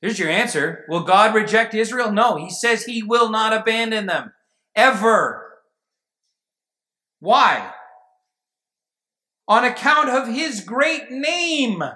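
Bright-voiced preacher in an echoey church. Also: male voice, high-pitched, lively intonation, slow, pauses often. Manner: emphatic preaching, rising to near shouts. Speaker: pastor. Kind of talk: sermon. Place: church sanctuary.

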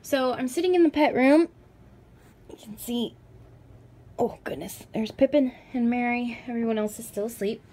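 A woman's voice: on the high side, normal speed, long pauses, mellow. A young woman in her twenties chatting casually in a home vlog, talking sweetly to her pets. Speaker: vlogger. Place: home pet room, indoors.

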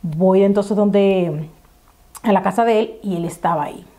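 A woman's voice: medium pitch, unhurried. A young woman, telling a dramatic storytime vlog and acting out the quotes. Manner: animated, dramatic retelling with acted-out quotes. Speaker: vlogger. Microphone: camera mic.

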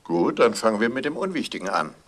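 An actor dubbing a steady, matter-of-fact man questioning a frightened woman. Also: lowish voice, fast, heavy background noise. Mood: brisk, probing. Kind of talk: German film dub. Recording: film score under the voice.

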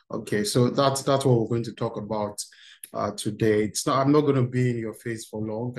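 Upbeat man on a video call. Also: lowish voice. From Nigeria. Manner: upbeat, reads out chat replies, chuckles often. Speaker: workshop speaker for teens. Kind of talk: interactive online workshop. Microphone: video call webcam.

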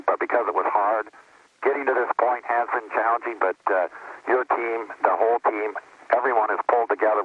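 A man speaking as a shuttle commander over a spacecraft radio. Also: lowish voice. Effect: space radio transmission. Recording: husky muffled spacecraft radio link.

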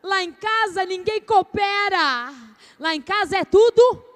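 Fed-up nagging mother, high voice, scolding, loud bursts, as a storyteller puts her on. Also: a little slow. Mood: exasperated. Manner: nagging, exasperated, rising to shouts.

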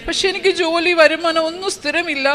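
A woman's voice: very high-pitched, fairly even intonation, brisk, sharp tone. A woman from Kerala giving a personal religious testimony, retelling her prayers in an emotional, pleading way. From Kerala, India.

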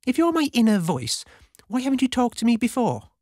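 Skeptical young woman, voiced by a narrator, questioning, lively intonation, dry close sound, storybook reading. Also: mid-range voice, measured pace, no echo, voice pushed up. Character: young woman, cheeky orphan rock star, curious.

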